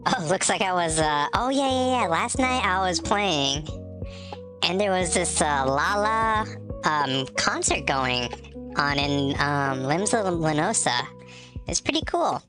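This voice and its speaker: Taking her time and sounding expressive, a woman who streams games rambles casually to her live audience, laughing easily and calling out viewers by name. Her voice is strikingly low and stuffed up from allergies, giving it a nasal quality, while clear music runs underneath.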